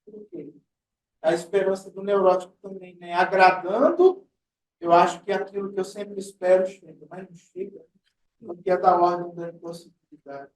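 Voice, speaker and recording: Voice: mid-range voice, moderate pace. A teacher lecturing a psychoanalysis class, explaining with questions and everyday examples. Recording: roomy class audio from far off.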